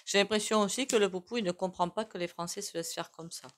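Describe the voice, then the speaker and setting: A woman's voice: medium pitch, fast talker. A woman doing a casual tarot reading, chatty and full of asides to her viewers. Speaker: tarot reader.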